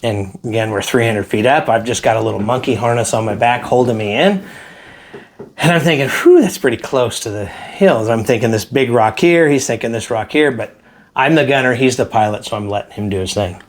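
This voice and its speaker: A man's voice: medium pitch, fairly quick. A man who is a helicopter pilot, telling a story casually in an interview and acting out the quotes with energy.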